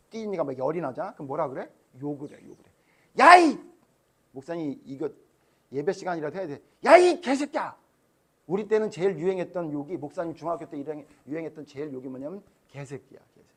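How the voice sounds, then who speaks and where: A man's voice: a little high, fast talker, darkish tone, slightly rough. A male pastor giving a Sunday school sermon to children, chatting with them and quizzing them with questions.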